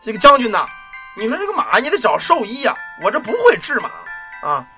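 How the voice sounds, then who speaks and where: A man's voice: very high voice, huge pitch swings, brisk, bright, forceful tone, soft background music, full character voice. A man voicing a frightened old squire who stammers and trembles as he talks. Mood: anxious.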